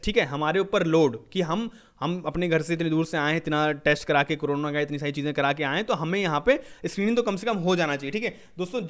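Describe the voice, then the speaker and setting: Fast, high-voiced young man coaching. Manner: repeats "ठीक है?" after nearly every phrase; reads English headings slowly, then explains. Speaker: SSB coaching presenter. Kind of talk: casual Hindi lesson with English phrases. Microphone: basic microphone.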